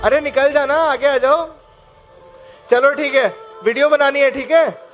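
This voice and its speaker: A man's voice: very high voice, fairly even intonation, a little slow, faint music behind. A man, an organizer on stage urging the crowd forward with repeated calls into a handheld mic at a live event. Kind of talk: energetic crowd hype. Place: large indoor event hall.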